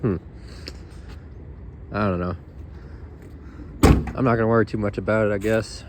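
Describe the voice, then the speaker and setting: Low-voiced man with dry sarcasm. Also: fairly even intonation, normal speed. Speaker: car repair vlogger. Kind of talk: casual narration while working. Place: garage or driveway by a running car. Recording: loud engine noise behind.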